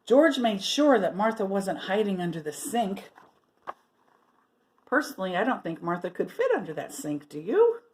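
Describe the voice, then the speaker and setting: A woman storyteller reads aloud to children with lots of expression, stopping now and then to ask her listeners questions or add asides. Her voice is medium in pitch, sing-song, and somewhat dark in tone.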